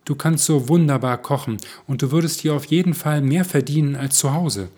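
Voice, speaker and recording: Guy reading as a grown daughter begging her mom for help, higher and pushier. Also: brisk, darkish tone, breathy edge. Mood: pleading. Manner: urgent, persuasive. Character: eager adult daughter pleading with her mother.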